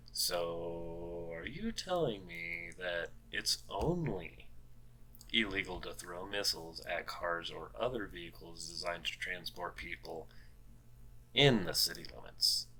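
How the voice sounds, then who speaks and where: Slow, deep-voiced man mulling odd laws. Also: pushed and bright, rough recording. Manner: wry, puzzled, with many fillers and rereads. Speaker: host. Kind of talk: casual commentary reading out laws.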